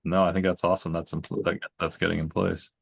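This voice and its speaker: A man's voice: sits low, little pitch movement, fast talker, gravelly, no room sound, clean studio sound. A man at a town committee meeting who asks questions hesitantly, often stumbling over and repeating his words. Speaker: committee member.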